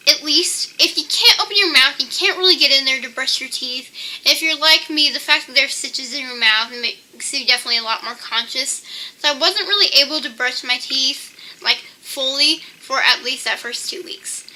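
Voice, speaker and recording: At a moderate pace, a young adult woman with a high-pitched, pushed, bright voice runs through personal tips as a vlogger, keeping it casual and chatty with frequent "like." The audio quality is poor.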